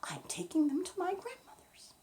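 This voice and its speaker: A woman's voice: very high-pitched, normal speed, slight background noise, pitched above the performer's own voice, heavily acted. A woman voicing a polite, earnest little girl in a bedtime story. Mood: earnest, determined. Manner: earnest, expressive.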